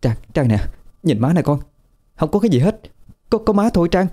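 A man voicing a young mother who soothes her frightened child in a hushed, reassuring voice. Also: fairly low pitch, lively intonation, moderate pace. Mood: soothing.

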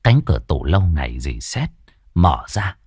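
A male storyteller narrates with a lively, rising and falling voice. He tells the tale dramatically and expressively. The recording is dry and close, with no room sound. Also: very deep voice, normal speed, slightly rough, dry recording.

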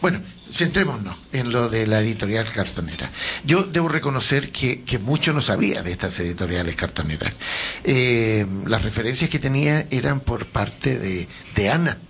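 A man hosts a casual radio chat from a studio microphone. His voice sits at a middle pitch, and he talks in a loose, halting way, often repeating himself. A faint hiss of background noise runs under his voice. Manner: relaxed, hesitant, repeats words. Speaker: radio host.

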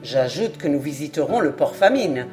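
Glenarvan, a woman doing a calm, low-voiced Scottish lord. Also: soft background music. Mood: teasing. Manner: calm, deliberate, teasingly serious. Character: composed Scottish lord, dry-humored ship owner.

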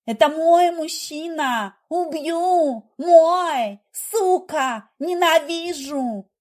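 A woman's voice: high voice, steady tone, takes it slowly, voice pushed up. A woman reading aloud voices a hysterical, jealous pregnant young wife who screams and sobs. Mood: furious. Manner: shrieking, sobbing, furious.

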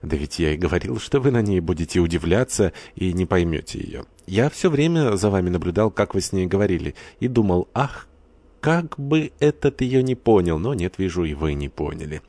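Brief: male reader doing an eager village priest, low and close, lively jumps upward. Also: a little fast, dry recording. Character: talkative country priest, middle-aged man, eager.

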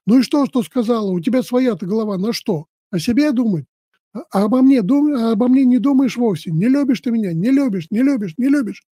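A fretful, jealous young wife from a storybook, voiced by a man, who scolds in a shrill, raised voice and turns to tearful pleading. The voice sits high with a soft, mellow tone. The recording is dry and close. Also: brisk, no echo. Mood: nagging.

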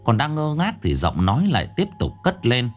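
A man's voice: wildly swooping pitch, normal speed. A man narrating a ghost story dramatically, dropping his voice for suspense. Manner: dramatic, drops pitch for suspense. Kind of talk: scripted narration. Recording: faint background music.

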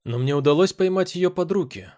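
A man's voice: sits high, lively intonation, a little fast, warm tone. Man narrating an audiobook, playful. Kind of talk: first-person audiobook narration with character dialogue.

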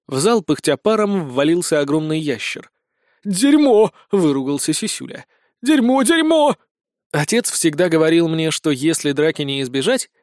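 A young man narrates an audiobook adventure in a slightly raised, lively voice with a streak of dry humor. The recording is close and completely dry. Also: fairly high pitch, dry recording.

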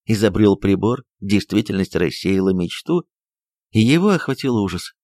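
A man narrating a novel as an audiobook, reading in an expressive, dramatic storytelling manner. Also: fairly low pitch, normal speed, no echo, clean studio sound.

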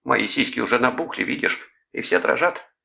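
A man's voice: medium pitch, lively intonation, normal speed, gravelly, sharp tone, pitched above the performer's own voice, heavily acted. A man voicing a teenage boy who clowns theatrically and plays falsely polite. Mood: fake swooning. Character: teen boy prankster faking a swooning woman.

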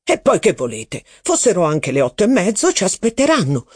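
A man reading aloud voices a blustering, impatient aristocratic duke who talks in loud exclamations. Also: high-pitched, wildly swooping pitch, a little fast, husky, dry recording, studio quality, pitched above the performer's own voice, heavily acted. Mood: scolding.

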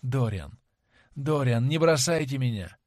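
A man reading as a lovesick young actress, pleading softly. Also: medium pitch, expressive, no echo, clean studio sound, lightly acted. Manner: tender, dreamy and imploring, slowing on heartfelt phrases. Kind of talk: audiobook character reading.

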